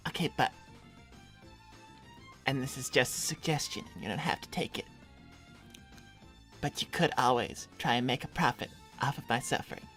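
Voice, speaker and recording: A man's voice: medium pitch, normal speed, long pauses, a bit bright, faint music behind, natural voice. A man playing a timid young male hedgehog job seeker, hedging and pleading in an improvised live cartoon roleplay. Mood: placating. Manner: hedging, placating.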